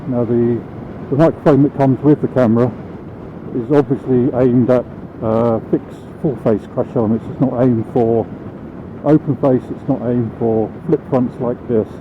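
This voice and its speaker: A thin, phone-like recording carries a British man's voice from inside a motorcycle helmet. He talks casually to viewers as he rides, with a medium-pitched voice and clear vehicle noise around him. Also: fairly even intonation, measured pace. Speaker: motorcycle vlogger. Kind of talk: casual vlog monologue while riding. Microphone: small microphone mounted inside the helmet. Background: vehicle and road noise.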